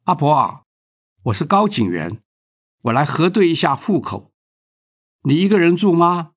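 A man's voice: fairly high pitch, very animated, unhurried, slightly rough, voice pushed up, full character voice. A man voicing a newly posted male police officer who asks questions in a polite, inquiring way. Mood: official.

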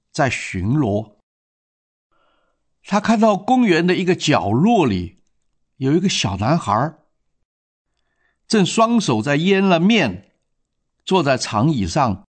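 A man narrating a moral story in a measured, reflective manner. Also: medium pitch.

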